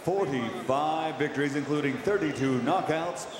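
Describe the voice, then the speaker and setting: A man announcing the fighters in a drawn-out, booming ring announcer style in a large arena. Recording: echoey arena hall, roaring crowd.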